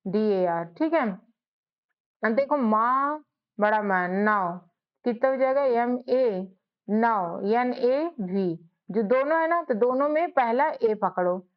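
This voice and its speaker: A woman's voice: on the high side, dull audio. A woman teaching spelling, who spells words out letter by letter and repeats each word. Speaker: English teacher, channel host. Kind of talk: spoken spelling lesson.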